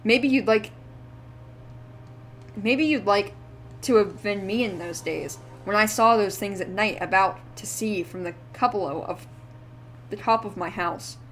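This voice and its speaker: A woman's voice: mid-range voice, unhurried, long pauses, fairly bright tone, a little hiss or hum, close to an everyday voice. A woman voicing a wheezy, ranting old drunk man who rambles feverishly in rustic old-timer speech. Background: faint background music.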